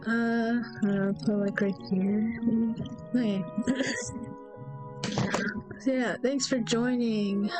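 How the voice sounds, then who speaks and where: With faint music in the background of a rough recording, a young woman with a stuffy nose and sore throat streams her solo game development. Her voice is a little high with fairly even intonation, and she draws out her words and pauses often. She rambles casually, hesitant, trailing off and filling gaps with fillers.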